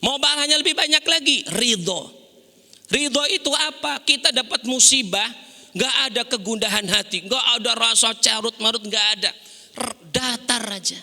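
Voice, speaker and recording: A man preaching a sermon in a mosque in an animated, conversational way, often asking the women listening a question. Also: extremely high pitch, moderate pace, gravelly. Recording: hall reverb in a mosque.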